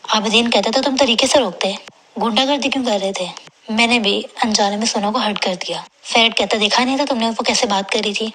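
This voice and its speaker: Bright, husky-voiced woman recapping a drama. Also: on the high side, steady tone. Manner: brisk storytelling, reads characters' lines in her own plain voice. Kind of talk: retelling a TV drama episode.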